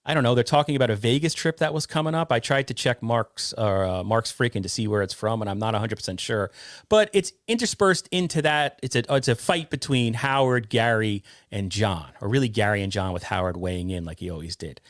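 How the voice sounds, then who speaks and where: A man's voice: medium pitch, expressive, brisk, no room sound, studio quality. A man hosting a podcast, talking casually and with strong opinions, often restarting his sentences. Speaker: podcast host.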